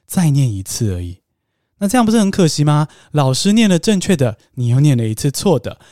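A man hosts a podcast lesson on English pronunciation, explaining patiently and slowing down for emphatic asides. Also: a little high, mellow, no room sound, studio quality. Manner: patient and coaxing, drops to slow emphatic asides.

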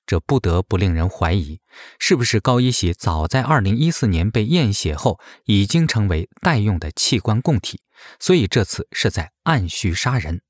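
Male narrator, low and expressive, serious investigative read, dry booth sound. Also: normal speed, no room sound. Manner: grave, suspicious questioning tone.

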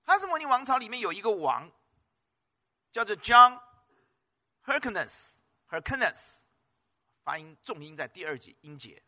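A male pastor delivers a sermon in a high, bright voice that swoops up and down. He presses his points hard, repeats words and keeps asking the congregation questions. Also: sing-song, a little fast.

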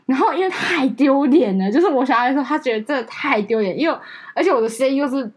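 A woman telling a childhood story in a casual podcast chat, animated and laughing. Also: high-pitched, fast talker. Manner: animated storytelling, laughing while quoting curses. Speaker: podcast co-host.

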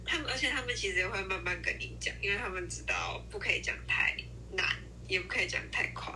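A woman's voice: medium pitch, fast talker, creaky, bright, forceful tone, rough recording. A young woman talking casually as a podcast co-host, sharing personal anecdotes in an informal conversational way. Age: young adult. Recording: faint background noise.

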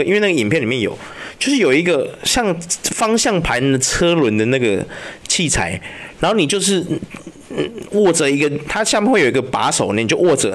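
A man, hosting a podcast and telling ghost stories in casual, profane chat, often asking whether the listener follows. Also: fairly high pitch. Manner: animated and profane, keeps asking "you know?". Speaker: podcast host.

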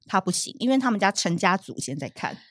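A woman's voice: medium pitch, sing-song, dry recording, clean studio sound. A woman hosting a casual chat, blunt and teasing. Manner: teasing, blunt, quick reactions. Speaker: podcast host.

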